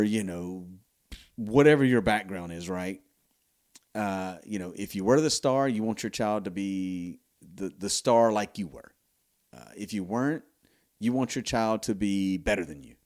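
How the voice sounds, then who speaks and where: Low-voiced man rambling through a solo podcast. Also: darkish tone. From United States. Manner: rambling, many fillers and restarts. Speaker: podcast host. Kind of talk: casual solo commentary.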